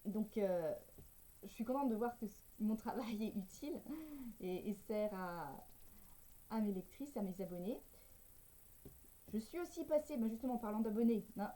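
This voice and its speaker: In this low-quality recording of a relaxed personal vlog, a French woman who coaches personal development and writes speaks with a warm, medium-pitched voice at a moderate pace. She's hesitant and stumbles often, breaking into laughter from time to time.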